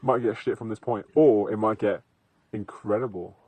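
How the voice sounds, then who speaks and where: Young British male podcaster, lowish voice, dry open-air sound, rambling, sweary, wry. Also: moderate pace, a little mellow, no echo. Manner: dry humour, sweary, slangy. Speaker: podcast host. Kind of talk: casual rambling chat. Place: outdoors in a field at night.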